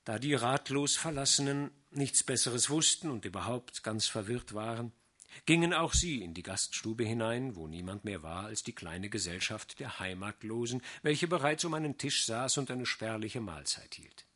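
A middle-aged man reading a classic novella aloud in measured, expressive literary narration. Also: medium pitch. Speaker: audiobook narrator.

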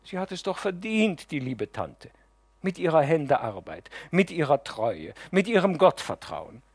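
A man's voice: a little high, sing-song, measured pace, slightly rough, no echo, pitched above the performer's own voice, full character voice. A man reading an audiobook, voicing a deceitful, self-pitying nephew who pleads and wheedles. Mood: pleading.

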